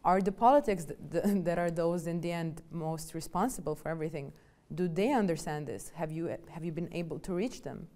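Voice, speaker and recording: A woman's voice: lowish voice, a little fast, warm tone. A woman interviewer asking long, probing questions.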